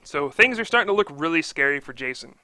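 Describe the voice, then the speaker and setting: A man's voice: fairly high pitch, animated, fast, sharp tone, dry recording. A man doing live card game commentary, upbeat and analytical, explaining each play.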